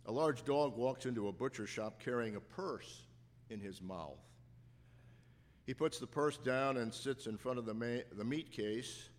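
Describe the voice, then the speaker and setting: Measured preacher in an echoing hall. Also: male voice, medium pitch. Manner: measured, storytelling with scripture reading. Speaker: pastor. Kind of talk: sermon. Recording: reverberant hall.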